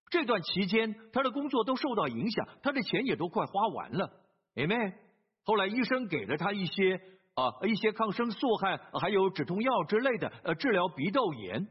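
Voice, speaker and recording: A man with a somewhat high, slightly rough voice preaches a sermon, telling a story earnestly with hesitant fillers and repeated phrases. The sermon recording sounds dull and lo-fi.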